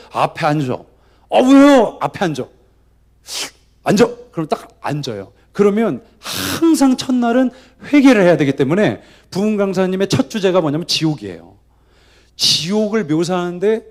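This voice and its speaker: A male guest preacher gives a lively storytelling sermon in a church. His fairly high voice swings widely in pitch as he acts out the people in his tale. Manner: animated, acts out quoted voices. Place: church sanctuary.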